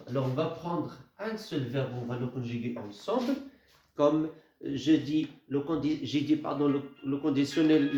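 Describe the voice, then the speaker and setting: A man teaching a grammar lesson, speaking slowly, repeating words and spelling out letters. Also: fairly high pitch, darkish tone. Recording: echoey room, dull lo-fi sound.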